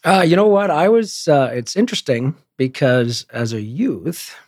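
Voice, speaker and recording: A man in his fifties, a retired police inspector, telling stories in a relaxed, wry, self-deprecating way in a casual interview. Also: fairly high pitch, measured pace, dry recording, clean studio sound. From Edmonton, Canada. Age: 50s.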